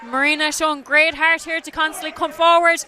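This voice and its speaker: A man giving live play-by-play fight commentary from ringside in short, punchy, excited calls. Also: very high-pitched, fairly quick. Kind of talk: live combat sports commentary. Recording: noisy live venue, loud crowd.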